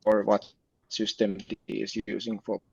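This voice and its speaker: A man in a technical video call meeting. His call audio is choppy and glitchy, and he talks haltingly, repeating words as he thinks. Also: on the low side, completely flat delivery, creaky, darkish tone, breathy edge, no echo, dull audio. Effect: choppy, glitchy call audio breaking up. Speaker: meeting participant.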